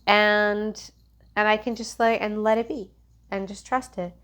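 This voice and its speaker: Speaking in a medium-pitched, flat, fairly bright voice at a slightly slow pace, a tarot reader works through a casual spiritual reading. English is her first language, and her delivery wanders, full of fillers and restarts.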